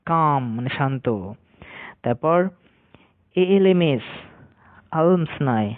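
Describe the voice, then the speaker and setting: A man teaching English pronunciation, spelling words out letter by letter and repeating each rule slowly and deliberately. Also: a little high, no echo. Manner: slow, deliberate, repeats rules for emphasis. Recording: dry, tinny phone-like sound.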